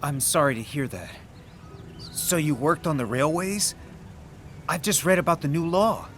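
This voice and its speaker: A young-adult character, an American who grew up in China and is loyally hunting for a lost friend, is voiced by an actor in a fairly high, unhurried voice. Earnest and emotional, he rises to pleading in this audio drama, with slight background noise and music underneath.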